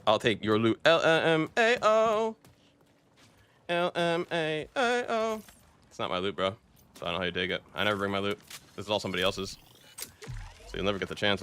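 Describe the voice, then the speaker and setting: Low-voiced laid-back gaming streamer man. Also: fairly bright tone, slight background noise. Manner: laid-back, chatty, says "bro" and "dude" often. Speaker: game streamer. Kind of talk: casual gameplay commentary.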